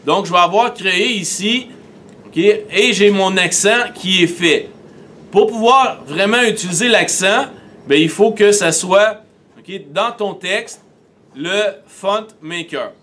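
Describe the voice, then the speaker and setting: High-voiced Québécois teacher demonstrating steps. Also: male voice, slow, fairly bright tone, slight background noise. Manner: methodical, step-by-step, talks through each click. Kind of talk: screen-recorded software tutorial.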